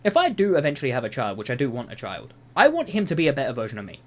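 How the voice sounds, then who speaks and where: A young man reads reddit posts and reacts to them, swearing freely and drifting into rambling asides. His pitch swings widely, climbing and dropping as he goes. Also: huge pitch swings, very fast. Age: young adult. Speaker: YouTuber. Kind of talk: reading reddit posts with commentary. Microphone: voice-over over gameplay footage.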